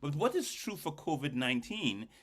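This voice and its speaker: A man's voice: fairly high pitch, big pitch swings, moderate pace, fairly bright tone. A man giving a keynote lecture to an audience, explaining data emphatically and putting rhetorical questions to his listeners. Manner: addresses listeners directly, emphatic, poses and answers rhetorical questions. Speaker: keynote speaker, academic.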